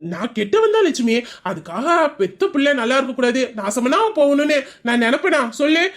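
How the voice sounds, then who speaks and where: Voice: sits high, big pitch swings, brisk. A performer voicing a stern, thrifty middle-aged father and shop owner who lectures and justifies himself to his wife. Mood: justifying. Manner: lecturing, self-justifying, persuasive. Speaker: father Sellamuthu. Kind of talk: audio drama acting.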